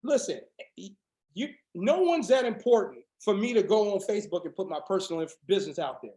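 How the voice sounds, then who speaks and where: A man with a high, hoarse voice drives a motivational business training like a sermon, his lines rising into shouts and then dropping low. The sound carries a roomy echo. His delivery is fiery and insistent. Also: lively intonation, a little fast. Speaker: business coach. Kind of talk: motivational sales training on a video call.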